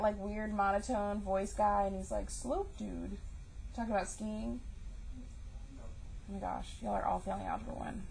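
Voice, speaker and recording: A woman's voice: mid-range voice, a bit bright, a little hiss or hum, rough recording. A young woman teaching a math class, chatty and joking, calling her students y'all. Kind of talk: recorded classroom lesson.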